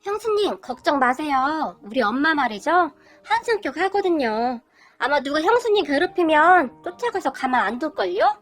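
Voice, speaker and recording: Cheeky, teasing young brother-in-law, as a woman reads him, lively delivery. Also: sits high, normal speed, faint music behind, heavily acted. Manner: teasing, playful.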